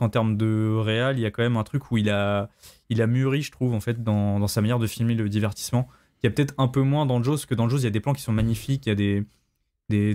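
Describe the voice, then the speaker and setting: A man giving his view in a casual film discussion, halting as he thinks aloud. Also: medium pitch, a little mellow. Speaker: podcast panelist.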